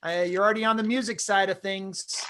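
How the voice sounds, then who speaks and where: A man's voice: high-pitched, steady tone, brisk, a bit bright. Guy hosting an improv dating game online, chatty, lots of ums. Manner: chatty, hesitant, many fillers. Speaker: game show host.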